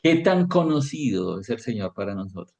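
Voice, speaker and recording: A man teaching a devotional Bible lesson as pastor, slow and questioning, often checking in with his listeners. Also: lowish voice, sing-song, gravelly, darkish tone.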